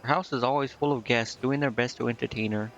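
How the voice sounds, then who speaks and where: A man streams a game with a mid-range voice, steady tone and quick pace, reading its dialogue aloud and adding casual commentary. Now and then he stumbles over the text and corrects himself. Game music plays behind him, and the highs are cut off.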